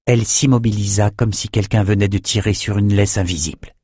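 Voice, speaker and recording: A man narrating a fantasy audiobook in a measured, even storytelling voice. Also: lowish voice, slightly rough, dry recording, studio quality.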